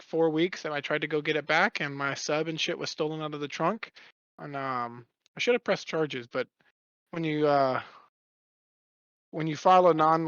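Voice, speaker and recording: A man's voice: a little high, bright, forceful tone, clean tone, no room sound, lo-fi sound. A young man casually co-hosting a podcast, telling a rambling story full of swearing. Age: young adult. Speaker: podcast co-host.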